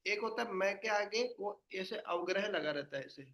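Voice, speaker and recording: A man's voice: sits high, normal speed, bright, forceful tone. A man leading a devotional study session, explaining patiently and quizzing his listeners with questions. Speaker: spiritual teacher.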